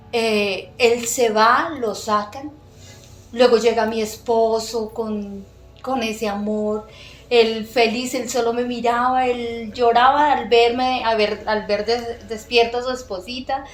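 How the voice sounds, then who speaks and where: A woman's voice: on the high side, steady tone. Middle-aged woman telling an emotional testimony. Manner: earnest, emotional storytelling with many pauses and fillers. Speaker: podcast guest. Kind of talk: personal faith testimony. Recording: echoey room with faint music.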